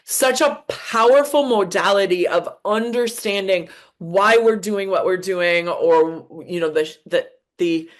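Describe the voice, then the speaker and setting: An older woman hosting a podcast, talking in a halting way with many restarts. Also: mid-range voice. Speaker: podcast host. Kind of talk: podcast conversation.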